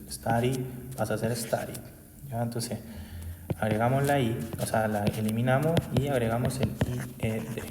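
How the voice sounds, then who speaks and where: Teacher in an echoey room. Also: male voice, mid-range voice, darkish tone, slight background noise. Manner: constant tag questions, patient explaining. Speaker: English teacher. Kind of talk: explanatory class recap video.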